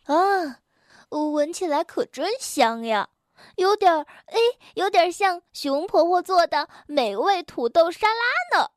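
A woman voicing a young male frog who is impulsive and stubborn, with high, excitable squeals and groans. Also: slow pace, no room sound, studio quality, exaggerated voice. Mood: excited.

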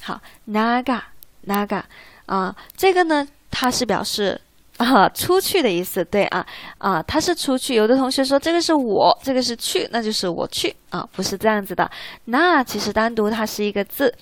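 Brief: higher-voiced woman teaching in a dry room. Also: lively intonation, moderate pace, dry recording. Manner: patient, asks the listener rhetorical check questions. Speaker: Korean language teacher. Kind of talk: classroom-style explanation.

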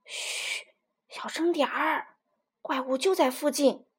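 A woman voicing a frightened old rooster in hiding who speaks in an urgent, hushed way. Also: sits high, measured pace.

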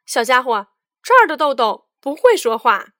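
A woman's voice: high voice, big pitch swings, moderate pace, fairly bright tone, no room sound, studio quality. A woman doing a kindly shop auntie. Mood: friendly. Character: friendly shop saleswoman, middle-aged.

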